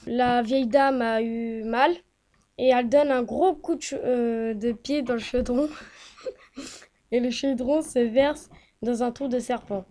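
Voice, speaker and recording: Woman storyteller, high pitch, halting oral telling. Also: fairly even intonation, mellow. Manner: hesitant, many fillers.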